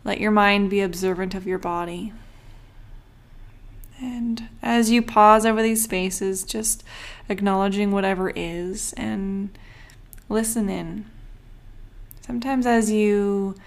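Speaking as a coach, a woman leads a breathing meditation at a calm, unhurried pace. Her mid-range voice is breathy and often trails off toward a whisper between long pauses.

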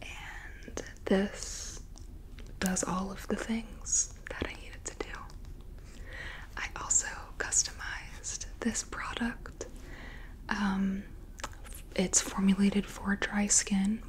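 Woman, whispered role-play as spa attendant. Soft, breathy, unhurried and soothing. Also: mid-range voice, level tone, low-quality recording. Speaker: ASMR host playing a spa beautician.

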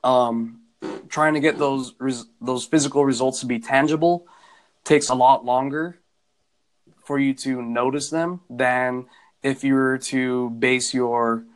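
A young man speaks in a mid-range voice in a relaxed chat. He gives advice thoughtfully, stumbling at times and filling his pauses with um and I mean. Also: medium pitch, rough recording. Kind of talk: casual conversation.

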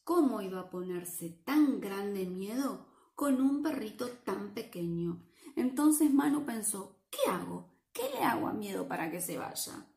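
A woman with a Rioplatense Spanish accent reads a picture book aloud to children, playful and lively, often asking them questions. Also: mid-range voice, a little slow, echoey room. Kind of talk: animated read-aloud for children.

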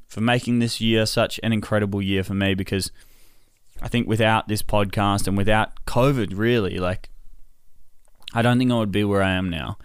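A man hosting a solo podcast in a casual, low, unhurried and subdued way, sounding tired and sore. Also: smooth, dry recording, clean studio sound. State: tired and in pain, recovering. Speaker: podcast host.

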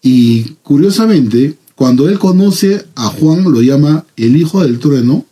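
A man with a Peruvian Spanish accent leading a Bible study, talking in a measured, earnest way with pauses and fillers. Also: on the high side, lively intonation, mellow, slightly rough. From Peru.

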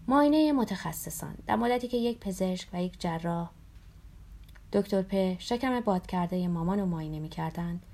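A woman narrating a memoir aloud in a calm, somber storytelling voice, sometimes dropping to a whisper. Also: fairly low pitch, vocal fry.

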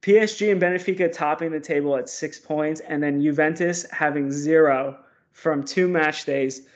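A man's voice: fairly high pitch, moderate pace. Opinionated man breaking down football. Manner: opinionated, animated, piling up stats. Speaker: podcast co-host. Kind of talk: casual football analysis. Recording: dull lo-fi audio.

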